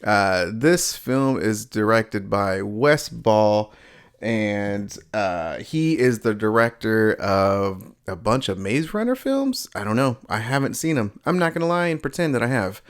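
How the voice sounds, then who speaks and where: A man's voice: on the low side, a little slow, clean tone. A man hosting his own home video review channel, talking casually with lots of fillers and restarts. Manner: rambling, many fillers and restarts; upbeat, excitable opening.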